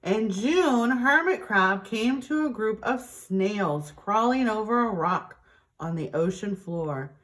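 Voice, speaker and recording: A woman reading a picture book aloud to young children in an expressive, deliberate teacher's way. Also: mid-range voice.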